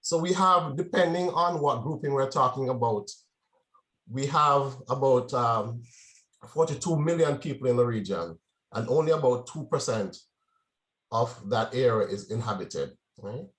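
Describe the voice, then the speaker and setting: A Jamaican man gives an informal, conversational presentation to a club, frequently checking in with listeners by asking "right?" His mid-range voice is fairly bright, with lively intonation and an unhurried pace.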